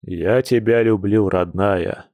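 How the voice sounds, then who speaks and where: A man voicing a hot-tempered, protective bear shapeshifter, gruff and intense, in an audiobook. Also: slow, darkish tone, no room sound. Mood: tender resolve. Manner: gruff, intense, with low hissed anger. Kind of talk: audiobook character reading.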